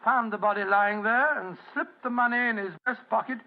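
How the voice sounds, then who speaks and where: Doctor Watson, high-pitched, earnest. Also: male voice, fairly quick, vocal fry. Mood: astonished. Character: earnest, easily astonished English gentleman doctor. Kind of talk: 1940s radio acting. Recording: muffled old radio recording.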